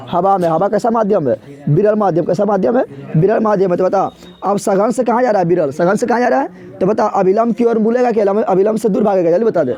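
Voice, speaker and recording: A man's voice: high voice, darkish tone. A male physics teacher giving a revision lecture, asking questions and answering them himself, repeating each answer, in a rustic colloquial way with everyday village comparisons. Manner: call-and-response drilling, repeats each answer. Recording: dull lo-fi recording.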